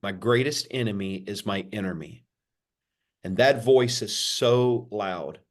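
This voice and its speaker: A pastor, a man, answering interview questions in a sermon-like way, repeating phrases and lifting his pitch for emphasis. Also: a little slow. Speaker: pastor, podcast guest.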